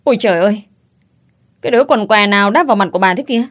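A woman voicing a brash, foul-mouthed young roommate who is bossy but caring, talking loudly and bluntly in a read-aloud story. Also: on the low side, normal speed, lightly acted. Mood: shrieking. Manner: loud, blunt, teasing.

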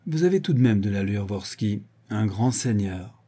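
A man's voice: mid-range voice, animated, moderate pace, mellow, husky, voice pushed up. A man doing a sly fawning henchman. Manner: fawning, cheeky. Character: sly obsequious male henchman.

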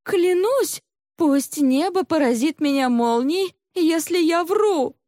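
A terrified young palace maidservant begs for her life, tearful and pleading, her voice lifted high and strained. A woman reading the story does this voice. The delivery is close and dry, with no room around it. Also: animated, slow pace, dark tone, dry recording, exaggerated voice. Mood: frightened pleading.

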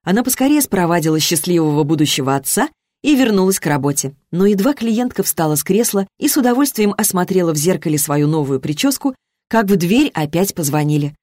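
A woman reading a novel aloud as an audiobook, in an even, measured narration. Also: fairly low pitch, no echo, studio quality. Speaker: audiobook reader. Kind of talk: scripted narration.

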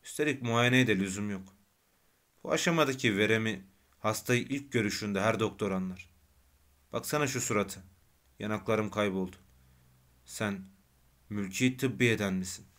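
A man's voice: on the low side, moderate pace, long pauses, close to an everyday voice. Man doing a bitter, dying consumptive man. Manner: bitter, grumbling, bursts into shouting. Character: dying, irritable man with tuberculosis.

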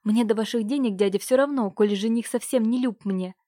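A woman's voice: a little high, brisk, dark tone, no echo, studio quality, lightly acted. A woman reading a defiant young noble girl. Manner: defiant, pleading. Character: stubborn, desperate 18-year-old noble girl.

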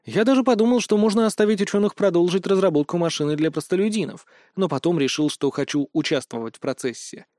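A man narrating a first-person novel as an audiobook, in a wry, lively reading. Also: sits high, fast talker, hardly any pauses, no echo, clean studio sound.

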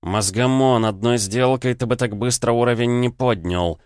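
A man's voice: medium pitch, moderate pace, darkish tone, clean tone, dry recording, clean studio sound, voice pushed up, natural voice. A man voicing a hot-tempered young male cadet who snaps and hisses his words. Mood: angry. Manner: snapping, hissing.

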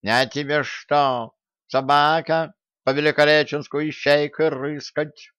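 A man's voice: medium pitch, slow, fairly bright tone, smooth, no echo, voice pushed up. Yowling bossy male cat, a man putting it on, dry close sound. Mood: huffy. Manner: yowling, squabbling.

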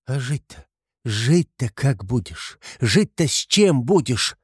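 A man's voice: medium pitch, lively intonation, a little slow, dark tone, dry recording, studio quality, voice pushed up. A man voicing a desperate, pious young woman who pleads and exclaims fervently in a storybook reading. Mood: anguished.

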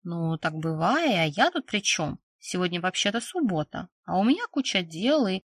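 A woman's voice: on the low side, sing-song, moderate pace, no room sound. A woman reading an audiobook voices a young woman's friend who teases and mocks in a sly, giggly way. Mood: teasing.

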